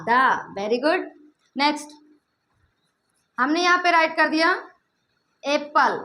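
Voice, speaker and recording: A woman's voice: high-pitched, animated, takes it slowly, sharp tone, a little hiss or hum. A woman teacher giving a classroom lesson, asking pupils questions and echoing their answers back with playful asides. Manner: keeps quizzing pupils, repeating answers back. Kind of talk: classroom lesson with call-and-response.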